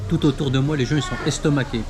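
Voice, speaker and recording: At a street food eatery in Vietnam, a male food vlogger chats to camera between bites, murmuring as he savors and joking with playful, self-mocking exaggeration. His mid-range voice is fairly even and quick, with music in the background.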